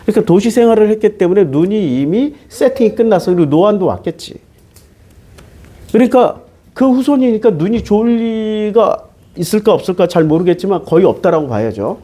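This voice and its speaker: With a high, expressive and warm voice, a pastor briskly delivers a Bible-teaching sermon. He keeps it casual and conversational, moving between polite and casual registers while firing questions at his audience.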